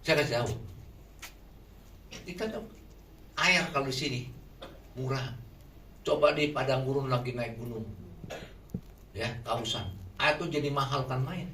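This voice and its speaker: A man preaching a sermon in a lively way, often putting questions to the congregation. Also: mid-range voice, unhurried, long pauses. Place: shelter hall. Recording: echoey room from far off, faint noise.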